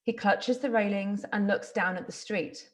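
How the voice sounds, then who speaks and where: A woman's voice: medium pitch, fairly even intonation, normal speed. A woman giving scripted narration, reading out stage directions.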